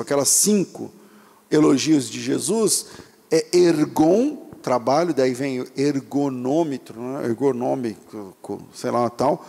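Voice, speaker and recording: Husky Brazilian pastor preaching in a hall. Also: male voice, medium pitch. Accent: Brazilian Portuguese. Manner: animated preaching, talks directly to listeners. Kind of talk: sermon.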